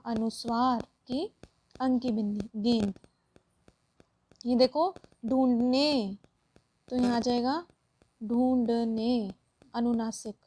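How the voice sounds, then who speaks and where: Pausing on each example, a high-voiced woman teacher takes children through a worksheet lesson step by step, patiently. Her voice is also a little mellow.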